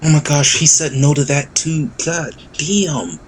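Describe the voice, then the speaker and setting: A young man co-hosting a casual chat, excitable and quick to laugh, swearing freely and slipping into mock voices. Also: a little high, slight background noise. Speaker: podcast co-host.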